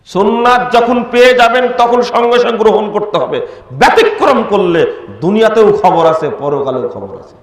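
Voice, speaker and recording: A man delivers a fervent sermon in a high voice, pressing his listeners with rhetorical questions. He stands well back from the microphone, and his words ring out through a large, echoing hall with a long tail of reverb. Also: lively intonation, moderate pace. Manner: impassioned, rhetorical questions to the crowd. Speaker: preacher. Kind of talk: Islamic sermon. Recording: echoey hall, speaker far from mic.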